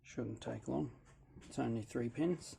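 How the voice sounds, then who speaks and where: A man's voice: mid-range voice, a little slow, creaky, background noise. A man, casually narrating a lockpicking demonstration in a matter-of-fact way with dry humour. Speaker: lockpicking hobbyist channel host. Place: hot backyard shed workbench.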